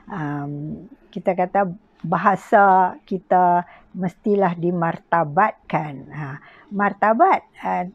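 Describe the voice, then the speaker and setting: A woman with a Malaysian accent teaching poetry recitation in an informal lecture, halting often and adding little checking tags. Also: lowish voice, dry recording, narrow, tinny audio. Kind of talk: informal spoken lecture with examples.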